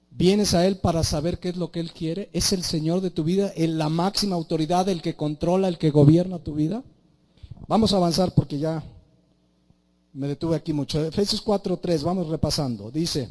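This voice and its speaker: Man, Mexican accent, high voice, pastor preaching, chatty rhetorical style. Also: darkish tone. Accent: Mexican Spanish. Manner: conversational preaching, rhetorical questions, acts out little dialogues. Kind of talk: sermon.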